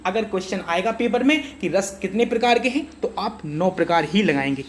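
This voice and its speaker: A man's voice: sits high, animated, fairly quick. A man teaching a lesson for exam preparation, chatty and reassuring, often checking that his students follow along. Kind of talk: exam-prep lecture.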